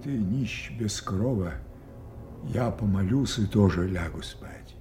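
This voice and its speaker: A man's voice: fairly low pitch, takes it slowly, soft background music. An actor playing an anguished old king losing his mind, in brooding, declamatory tragic style. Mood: sorrowful, reflective. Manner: brooding, declamatory, swelling from hushed to impassioned. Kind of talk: theatrical classical tragedy monologue.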